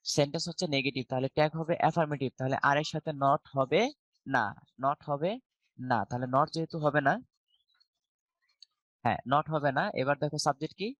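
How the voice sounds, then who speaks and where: A man's voice: a little high, steady tone, brisk, long pauses, fairly bright tone, no echo. Bangladeshi man teaching an online English class. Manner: explains step by step, asks the class questions and answers them himself.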